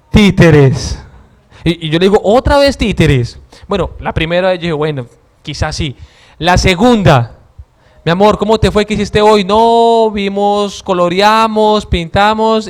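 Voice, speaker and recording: High-voiced earnest Colombian man preaching. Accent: Colombian Caribbean. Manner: earnest, repeats words and stumbles often. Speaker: lay preacher.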